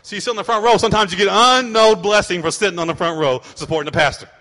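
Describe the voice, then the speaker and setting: A man's voice: sits high, fast talker, in a large hall. A middle-aged man preaching a sermon as pastor, telling stories and acting out his kids' voices. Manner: animated storytelling, acting out voices of kids.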